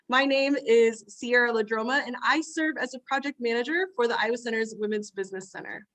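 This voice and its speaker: A woman opens an online webinar in a fairly high voice, reading her announcements from a script. She sounds welcoming and orderly as she introduces the guest speaker. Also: a bit bright. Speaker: webinar host, project manager. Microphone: video call mic.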